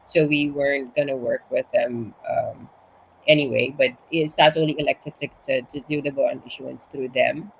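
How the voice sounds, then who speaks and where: A woman's voice: a bass voice, steady tone, moderate pace, vocal fry, a little hiss or hum, poor audio. A woman from Suriname, a guest in a casual interview, a bit out of breath from being sick, explaining at length with many restarts. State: slightly out of breath from illness. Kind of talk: casual conversation.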